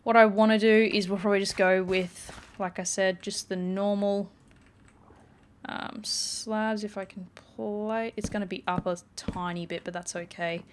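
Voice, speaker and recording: A woman's voice: mid-range voice, steady tone, measured pace, slight background noise. A woman gaming YouTuber giving casual, rambling let's-play commentary with lots of "like" and "um" as she plays. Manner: chatty, rambling, many "like" and "um" fillers.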